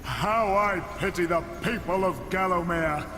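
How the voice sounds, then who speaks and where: A man's voice: high voice, unhurried, pushed and bright, echoey room, in a large hall, a little hiss or hum. A man voicing an arrogant dead hero in a game, taunting and scornful, with game music behind.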